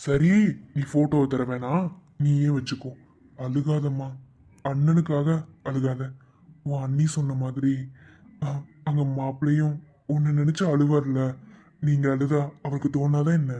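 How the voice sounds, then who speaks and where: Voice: medium pitch, little pitch movement, unhurried, pauses often, dark tone, lightly acted. A performer voicing a loving elder brother in a cartoon, tenderly soothing his sister.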